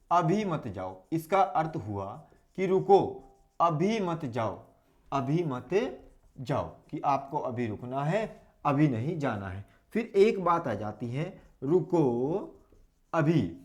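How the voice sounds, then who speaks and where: A man's voice: fairly high pitch, darkish tone. A man teaching a grammar lesson for exam preparation in a North Indian Hindi accent, repeating key terms and checking whether students have understood. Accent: Hindi-speaking North India. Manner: repeats key words, asks students if it is clear.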